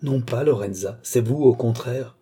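A man voicing a mysterious male captor who speaks calmly, sadly and persuasively. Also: mid-range voice, a little slow, breathy edge. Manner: calm, sorrowful, persuasive.

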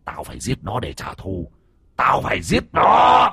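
A man voicing the vengeful ghost of a murdered orphan boy, snarling and swinging from low hisses to shrieks. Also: sing-song, measured pace, fairly bright tone, husky, no room sound, clean studio sound, full character voice. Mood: bitter.

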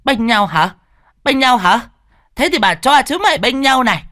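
A man voicing a cruel young stepmother who screeches abuse in a shrill voice. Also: normal speed, a bit bright, clear, resonant tone, no room sound, clean studio sound, natural voice. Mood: shrieking, furious.

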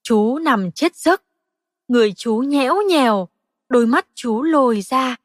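Woman narrator for a children's audiobook; high, slow, dry studio sound. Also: no echo, long reverb tail. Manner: slow, gentle, expressive storytelling.

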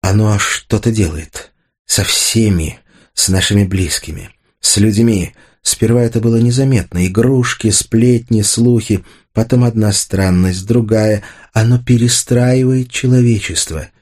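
A man's voice: on the low side, a little slow, darkish tone, voice pushed up. A man reading an audiobook, voicing a frightened young woman who pleads in a tense, urgent voice.

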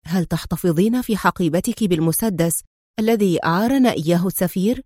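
A stern male spy hero speaks low, calm and clipped, as a woman reading a storybook puts him on. The voice sits lower than her own, and the sound is dry and close. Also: brisk, husky, no room sound.

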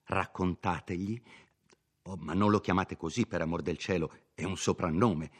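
A man's voice: deep voice, normal speed, breathy edge. A man reading a novel aloud, voicing an older peasant mother who gives homely, folksy advice in a chatty manner. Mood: advising.

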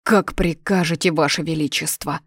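Woman doing a loyal secretary guy, firm and respectful, low voice. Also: steady tone, moderate pace, slightly rough, dry recording, clean studio sound. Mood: dutiful. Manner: firm, deferential. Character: loyal royal secretary, man, firm and dutiful.

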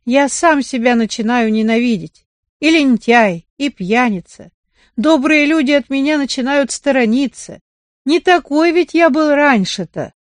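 A woman's voice: high voice, lively intonation, a little slow, dry recording, pitched above the performer's own voice. A woman voicing a sulky, self-pitying carpenter who drinks, in a coaxing, whining manner.

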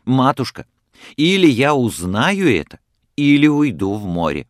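A man's voice: medium pitch, sing-song, measured pace, no echo, clean studio sound, pitched above the performer's own voice. A man doing a bold, stubborn young sailor-to-be. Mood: insistent. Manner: insistent, defiant questioning.

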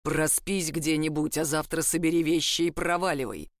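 A woman voicing a stern older father who speaks slowly in clipped, commanding words. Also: sits low, fairly even intonation, no room sound, clean studio sound, voice pushed down, natural voice.

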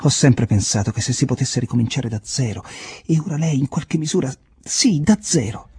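A man reading the part of an earnest, excitable young ship's officer in an audiobook, his voice rising high and loud in agitated bursts. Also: brisk, slightly rough. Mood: fervent.

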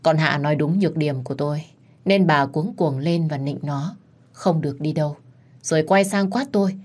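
A woman narrating a dramatic first-person story in an indignant, expressive way. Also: sits low.

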